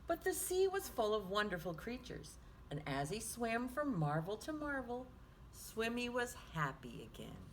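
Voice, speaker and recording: A woman hosting children's storytime, reading a picture book aloud in an animated, sing-song manner. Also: fairly high pitch, normal speed, slight background noise, poor audio. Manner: animated, sing-song, with hushed asides to listeners.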